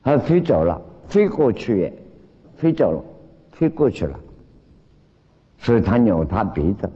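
A man's voice: lowish voice, very animated, unhurried, mellow. A man giving a storytelling Chan Buddhist dharma talk, blunt and plain-spoken, acting out the voices of the people he quotes. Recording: dull lo-fi recording with long hall reverb.

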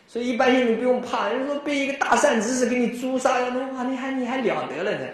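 High-voiced man giving an echoey dharma talk. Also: quick pace. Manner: animated storytelling, frequent chuckles. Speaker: Buddhist teacher. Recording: very echoey room.

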